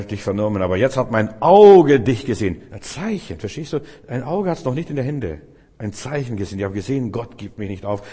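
Speaking straight to the listener as "du," this male preacher drives his sermon with repetitive, emphatic phrasing. His medium-pitched voice is dark with a breathy edge, and a long reverb tail follows it.

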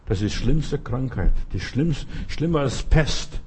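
A man preaching a sermon to his congregation, urging them on with emphatic, exhorting delivery and sudden leaps in pitch. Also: animated, measured pace, a little mellow, slightly rough.

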